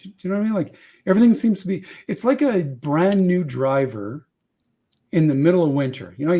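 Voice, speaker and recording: A man's voice: on the high side, mellow. A man from Canada chatting casually on a podcast, talking through his ideas with conversational fillers and asides.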